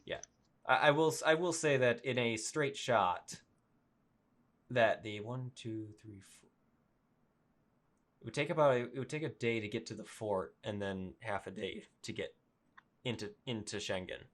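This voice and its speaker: A man's voice: mid-range voice, moderate pace, fairly bright tone. A man running a tabletop game over voice chat, rambling with lots of fillers. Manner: rambling, filler-heavy, laughing. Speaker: game master.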